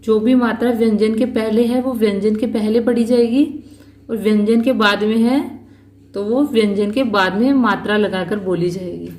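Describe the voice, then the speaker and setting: A woman teaching a shorthand lesson, explaining each rule slowly and patiently, repeating points and counting out positions. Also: medium pitch, fairly even intonation, a little mellow. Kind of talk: slow step-by-step lesson.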